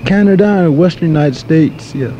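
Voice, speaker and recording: A man's voice: a little high, normal speed, warm tone. A man being interviewed casually, giving short, plain answers. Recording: muffled outdoor recording, faint noise.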